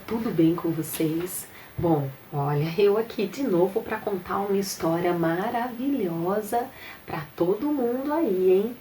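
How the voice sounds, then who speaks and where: A woman storyteller reading a picture story to young children, coaxing and lively, talking straight to them. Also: fairly low pitch, a little hiss or hum, low-quality recording.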